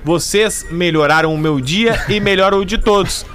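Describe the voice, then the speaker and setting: A man on a radio show, reading a listener's message in a chatty way. His voice is high, with faint music underneath. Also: moderate pace, a bit bright. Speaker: radio co-host.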